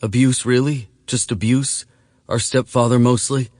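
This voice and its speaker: A man's voice: mid-range voice, steady tone, darkish tone, no room sound, clean studio sound, natural voice. Man voicing a frightened, sobbing runaway boy. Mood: nervous. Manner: halting, fragmented speech, crying. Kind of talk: audiobook reading.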